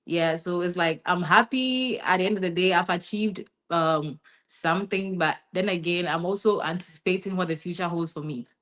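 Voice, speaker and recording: A young Ghanaian woman doing a master's degree answers interview questions in a casual chat, relaxed and rambling. Her lowish voice moves at normal speed, and she often tacks on "yeah" and "basically."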